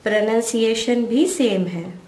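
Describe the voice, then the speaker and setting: Slow, patient Indian woman tutor. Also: fairly high pitch, a little mellow. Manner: patient, repeats and spells out words. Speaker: English grammar tutor. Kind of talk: slow explanatory lesson in Hindi-English mix.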